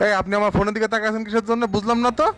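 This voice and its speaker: A stern, short-tempered passenger , as a man in a comedy skit puts him on, firing off rapid commands in a lower, quieter tone than the main voice. Soft background hiss sits behind him. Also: little pitch movement. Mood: irritated. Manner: curt, scolding. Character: annoyed male fellow passenger, curt and stern.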